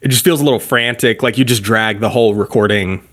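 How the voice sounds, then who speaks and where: A man's voice: fairly low pitch, steady tone, fast, a bit bright. A man co-hosting a podcast in casual chat, rambling with lots of fillers and swearing. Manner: rambling and profane, lots of "like" and "bro"; easily cracks up laughing. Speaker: podcast co-host.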